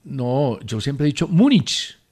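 A man's voice: mid-range voice, very animated, slow pace, darkish tone. A man hosting a sports radio show, chatting casually and pressing his co-host with pointed questions. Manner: insistent, quizzing his co-host.

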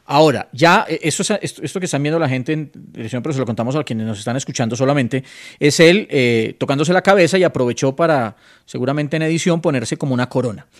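A man co-hosting a sports radio show, jumping in often with animated casual remarks. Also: medium pitch, quick pace.

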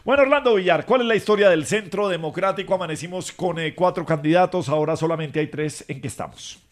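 A man's voice: sits high, fast. A man hosting a comedy radio show, teasing and laughing often. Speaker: radio host.

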